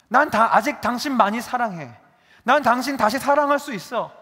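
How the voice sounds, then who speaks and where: A male pastor preaching a sermon, lively, acting out quoted dialogue as he goes. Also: very high-pitched. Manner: animated, acts out dialogue in his telling. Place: church sanctuary. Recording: reverberant church hall.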